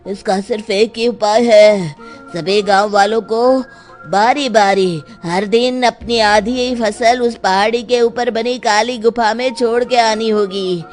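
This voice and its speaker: A woman's voice: on the high side, steady tone, slow, a little mellow, faint music behind. A woman voicing a grave, ominous holy man who makes solemn pronouncements in a horror comedy story. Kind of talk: comic horror audio storybook acting.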